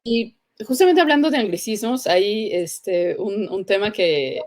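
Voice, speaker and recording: A woman's voice: mid-range voice, lively intonation, unhurried, a little mellow. A woman with a Mexican accent interviewing a guest, chatty, with many fillers and questioning tags. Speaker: editor and interviewer. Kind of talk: casual interview.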